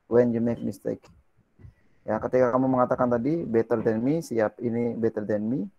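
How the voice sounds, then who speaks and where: A man with a gravelly, mellow voice teaches a relaxed language lesson. He reads English phrases slowly, then explains them in quick, chatty Indonesian and asks his listeners questions. The sound is close and dry. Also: medium pitch, dry recording, low-quality recording.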